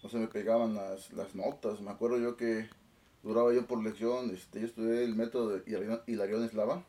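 A man in his twenties from Oaxaca with a Mexican Spanish accent, chatting relaxed and laughing in an interview about his music. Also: lowish voice, brisk, far from the mic. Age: 20s. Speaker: guest musician, band director. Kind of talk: casual interview chat.

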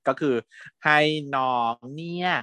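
A man co-hosting a casual chat, recapping a series in an animated, giggly way and mixing in English words. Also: fairly high pitch, unhurried, clear, resonant tone, no room sound. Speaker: hospital worker who does shifts.

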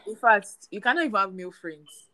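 A woman's voice: medium pitch, animated, quick pace, fairly bright tone, poor audio. A young woman co-hosting a casual podcast chat, talking in a chatty, storytelling way. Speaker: podcast co-host.

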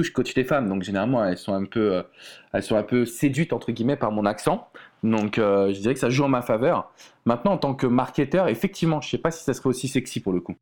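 A man from France chatting loosely as an interview guest. He talks in an easygoing way, full of fillers and restarts, at an ordinary mid pitch for a man. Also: darkish tone. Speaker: relationship coach, guest. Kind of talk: casual interview chat.

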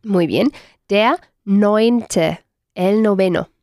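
A woman's voice: mid-range voice, extremely slow, a little mellow, dry recording, studio quality. Patient woman teaching German. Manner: patient, encouraging, corrects pronunciation. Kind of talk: one-on-one language lesson.

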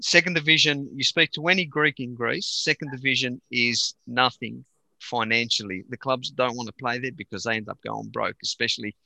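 An Australian-raised man talking football in a lively panel chat, emphatic and animated. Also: medium pitch, moderate pace, gravelly, no echo, poor audio. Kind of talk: casual sports chat.

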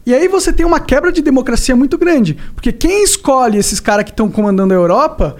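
A man's voice: very high voice, lively intonation, quick pace. A man co-hosting a podcast, chatting casually, slangy and opinionated. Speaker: podcast co-host. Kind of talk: casual chat.

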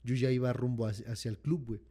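A man's voice: mid-range voice, fairly even intonation, quick pace, mellow. A man with a Mexican accent, co-hosting a podcast in casual chat, with frequent short reactions and slang exclamations. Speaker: podcast co-host.

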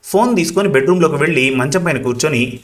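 A man narrating a written episodic story in a steady, even reading voice. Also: on the high side, fast.

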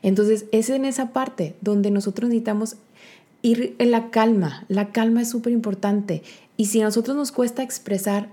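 A woman, a child psychotherapist, calmly explaining with everyday examples. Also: medium pitch. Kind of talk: explanatory interview talk.

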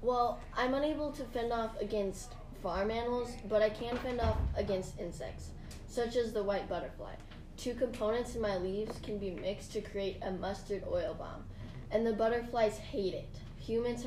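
A woman's voice: mid-range voice, normal speed, a little mellow, a little hiss or hum, lightly acted, rough recording. Earnest talking rutabaga guy, a woman doing him, plain mid voice, reads his answers straight. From Sweden. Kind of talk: mock interview role-play.

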